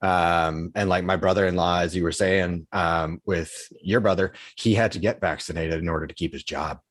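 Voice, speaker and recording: A man's voice: sits low, steady tone, moderate pace, dry recording. A man hosting a podcast, talking in an earnest, reflective way with loose phrasing. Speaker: podcast host. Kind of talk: casual conversation.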